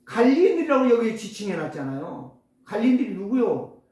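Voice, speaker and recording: Male pastor, emphatic sermon full of rhetorical questions, lively swooping delivery, heard from a distance in a booming hall. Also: fairly quick. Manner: emphatic, rhetorical questions, sudden loud and soft swings. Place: church sanctuary. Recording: echoey church hall, distant mic.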